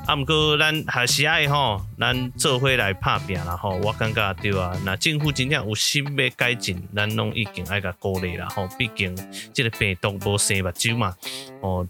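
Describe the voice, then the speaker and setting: A man hosting a podcast, reading a mock radio news bulletin in a folksy, old-style announcer manner. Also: on the low side. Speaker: podcast host.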